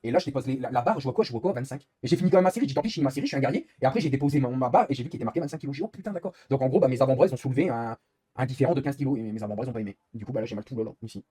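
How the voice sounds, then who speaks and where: A man's voice: medium pitch, very fast, warm tone. A young man live-streaming while gaming, rambling in casual chat and swearing often as he complains.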